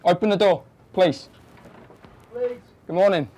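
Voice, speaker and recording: A police officer bellows through a closed front door, his voice pushed high and loud. The calls are clipped and commanding, made from outside the house during a search raid. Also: expressive, takes it slowly, slight background noise.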